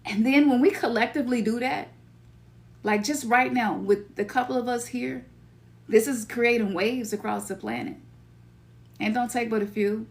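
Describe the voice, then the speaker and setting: A middle-aged Memphis woman with a Memphis Southern accent talks at normal speed in a voice on the high side. As a spiritual teacher from Memphis, Tennessee, she addresses listeners casually, loose and slangy, sometimes dramatizing her inner voice.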